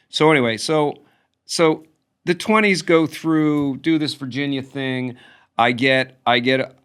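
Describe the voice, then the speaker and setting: A middle-aged man, a musician guest, telling stories in a casual interview with lively restarts. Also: mid-range voice, clear, resonant tone. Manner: animated storytelling with restarts.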